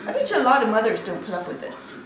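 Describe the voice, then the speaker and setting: An exasperated middle-aged woman with a high voice that swings up and down as she scolds and swears. The room is very echoey, with other people's voices around her. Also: sing-song, racing, recorded from a distance, a crowd in the background. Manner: exasperated, foul-mouthed. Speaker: mother being pranked. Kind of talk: casual scolding.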